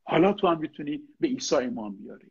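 A man's voice: fairly high pitch, lively intonation, slightly rough, lo-fi sound. A middle-aged man, a pastor, preaching a sermon, asking his listeners pointed rhetorical questions and addressing them directly.

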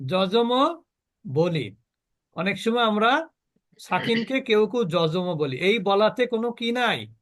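A man teaching a recitation class, patiently repeating key points, quizzing his students and slowly demonstrating letter sounds. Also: sits high, lively intonation. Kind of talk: online tajweed class.

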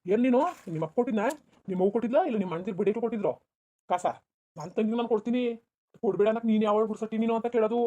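Bossy village husband voiced by a performer, fast and fuming. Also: mid-range voice, steady tone, muffled recording, close to an everyday voice. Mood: angry berating. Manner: shouting, berating, rapid. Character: quarrelsome village husband, bossy and quick-tempered. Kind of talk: cartoon voice acting.

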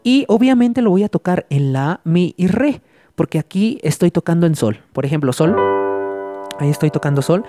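A man's voice: a little high, expressive, moderate pace, mellow, no echo. A man giving a casual spoken piano tutorial, chatty and stumbling over words as he explains. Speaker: piano teacher. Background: piano playing.

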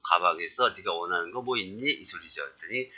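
Bright-voiced male English teacher. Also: low-pitched, fast talker, breathy edge, muffled recording. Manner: acts out short English dialogues, then explains them. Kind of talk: lecture.

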